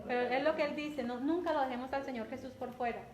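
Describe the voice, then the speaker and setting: Una mujer con acento colombiano que predica un sermón en tono conversacional, repitiendo palabras y preguntando a menudo «¿cierto?». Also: female voice, high voice, quick pace, crowd noise. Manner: conversational, repeats words, often asks "¿cierto?". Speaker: preacher. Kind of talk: sermon. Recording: echoey room with faint background noise.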